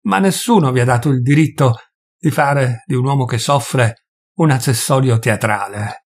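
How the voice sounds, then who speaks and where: A man voicing a furious, grieving male doctor who shouts and hammers out each word, with a husky voice. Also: mid-range voice, moderate pace, lightly acted.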